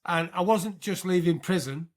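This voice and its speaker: A British man in his sixties tells his story as a guest on an interview show, his voice pitched high. He talks in an animated way and often checks in with the listener. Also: moderate pace. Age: 60s. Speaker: podcast guest, military veteran.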